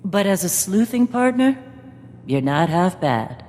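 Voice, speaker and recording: A dry, composed female investigator from a video game. Her lowish voice moves expressively and carries a hall reverb. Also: sing-song, unhurried, noisy background. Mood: teasing.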